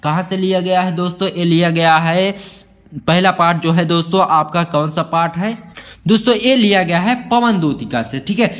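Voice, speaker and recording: A male teacher walking students through exam questions, calling them friends and saying "theek hai" often, reading verse lines slowly. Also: sits high, fairly bright tone. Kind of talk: exam-prep lesson walkthrough.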